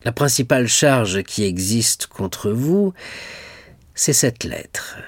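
A man voicing an anxious, scheming male magistrate in an audiobook, hushed and then sharp. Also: medium pitch, expressive, slow pace, husky, no echo, studio quality. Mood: guarded, formal.

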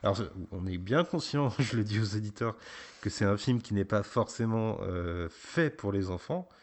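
A man with a fairly low voice hosts a laid-back film podcast. He talks in a relaxed way, prompting his young guest with questions and often hesitating mid-sentence. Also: normal speed. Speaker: podcast host; father interviewing his child. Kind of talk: casual film podcast interview.

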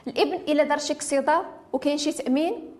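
A woman's voice: sits high, very fast, a little mellow. A woman with a Moroccan Arabic accent speaking in an impassioned discussion, emphatic and insistent, often piling up rhetorical questions. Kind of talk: impassioned discussion of family law.

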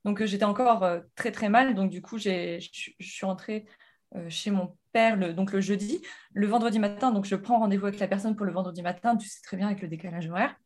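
A woman in her thirties from France, a guest entrepreneur telling her story in a casual interview, animated and full of fillers and restarts. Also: medium pitch, fairly quick.

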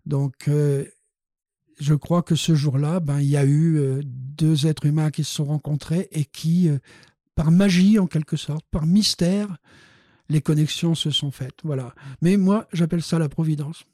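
A man in his sixties from France, a dental surgeon and guest, telling animated anecdotes with frequent laughs and hesitant fillers. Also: on the high side, measured pace, no echo, studio quality. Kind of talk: casual storytelling interview.

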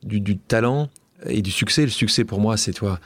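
Low-voiced male interviewer. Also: normal speed, no room sound. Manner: chatty, finishes guest's sentences. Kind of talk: interview questions.

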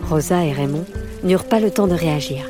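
A woman narrating a storybook with a lower, measured voice. She reads expressively, and faint music plays behind her.

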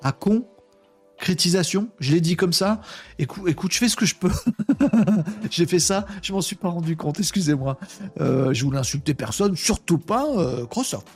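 A fairly high-voiced man hosting a live stream from his desk, talking in a loose, slangy way. He keeps turning to his viewers and answering their chat with quick energy. Faint music plays underneath. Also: breathy edge. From France. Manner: slangy, animated, addresses chat viewers directly. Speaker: live webinar host. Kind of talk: casual live-stream talk.

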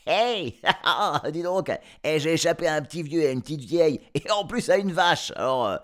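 A man's voice: on the high side, animated, moderate pace, voice pushed up, close to an everyday voice. A man voicing a cheeky, boastful little gingerbread man who taunts and laughs. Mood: taunting.

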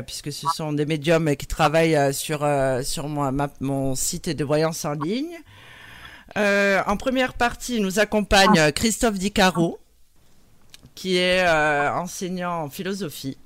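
A woman hosting a live radio talk show, speaking with frequent hesitations and fillers. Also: on the low side. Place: radio studio.

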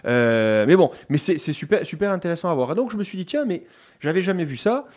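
A man's voice: a little high, big pitch swings, brisk, a little mellow. Chatty male radio columnist, rambling delivery. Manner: chatty, digressive, many restarts and fillers. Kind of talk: radio talk show segment.

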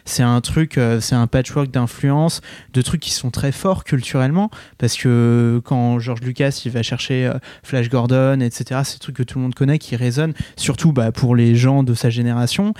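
A man's voice: mid-range voice, fairly even intonation, moderate pace, mellow, no room sound, studio quality. A man hosting a casual film discussion, talking with many hesitations and restarts.

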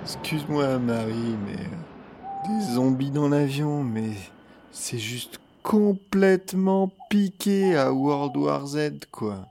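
A man playing a slow, sarcastic camper. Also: fairly high pitch, expressive, creaky, darkish tone, a little hiss or hum, heavily acted. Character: sceptical young man camping, teasing his partner.

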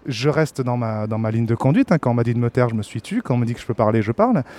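Halting, restarting man in casual talk. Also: mid-range voice, expressive, darkish tone. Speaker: podcast guest. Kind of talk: casual conversation.

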